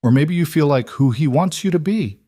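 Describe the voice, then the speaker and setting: A man's voice: a little high, expressive, moderate pace, dark tone, dry recording, clean studio sound, voice pushed up. A man voicing a worried, protective young woman friend in a read-aloud story, pleading and pressing.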